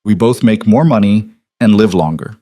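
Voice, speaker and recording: A man's voice: fairly low pitch, normal speed, warm tone, natural voice. A man reading a cold, clipped old crime boss. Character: cold older male crime boss, in his seventies.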